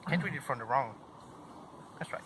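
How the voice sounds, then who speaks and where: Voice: medium pitch, lively intonation, moderate pace, a bit bright, a little hiss or hum, rough recording. A vlogger chatting playfully and teasing a friend while filming. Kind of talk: casual vlog chat.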